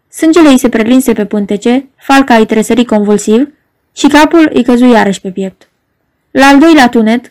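A woman narrating a novel as an audiobook, in an even, measured storytelling voice. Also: a little high, poor audio.

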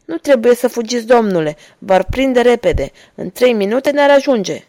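A woman's voice: on the high side, expressive, dark tone. A woman reading an audiobook, voicing a cunning male guide who speaks deferentially and talks his way out of trouble. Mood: urgent. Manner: sly, deferential, talking his way out. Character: cunning male Italian guide, servile and quick.

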